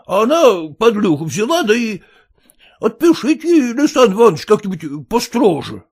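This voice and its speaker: A man voicing an illiterate, clumsy peasant who pleads in rustic, halting speech with fillers. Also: high-pitched, sing-song, slightly rough, voice pushed up, full character voice. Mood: pleading.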